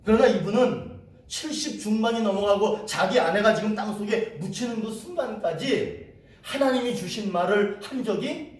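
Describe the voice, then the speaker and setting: A man's voice: high voice, moderate pace. A male pastor preaching a sermon, telling a story in a conversational way and asking the congregation rhetorical questions. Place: church sanctuary. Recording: echoey hall from far off, faint hiss.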